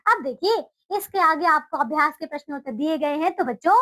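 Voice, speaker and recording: Woman, teacher, children's reading lesson, very high pitch, slow drawn-out reading. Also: lively intonation, bright, forceful tone. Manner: coaxing, keeps checking in with the class; reads words slowly and drawn out.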